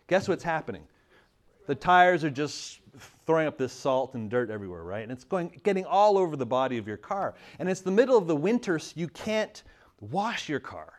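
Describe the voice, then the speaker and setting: Animated storytelling man from Montreal. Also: mid-range voice. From Montreal, Canada. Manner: animated, laughing, many restarts. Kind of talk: casual storytelling.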